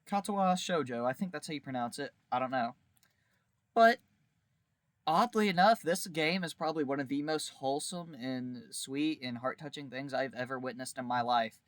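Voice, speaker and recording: Reviewing a visual novel on video, a man offers casual, wry commentary that leans heavily on emphatic exaggeration. He speaks at a moderate pace in a medium-pitched voice, with no echo.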